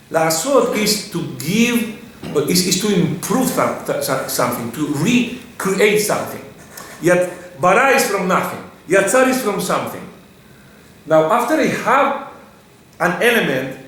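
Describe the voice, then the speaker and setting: A man's voice: on the high side, fairly bright tone. Man teaching a class in a very echoey room. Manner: questioning the class, halting restarts. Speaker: rabbi teaching a Torah class. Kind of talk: classroom Torah lesson. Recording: very echoey room with faint background noise.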